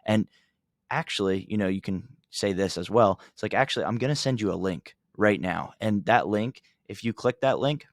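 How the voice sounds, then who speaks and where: A man hosts an unscripted marketing tutorial for contractors, giving emphatic advice in a plain-spoken, conversational way. His lowish voice is expressive and moderately paced, recorded at studio quality with no room sound.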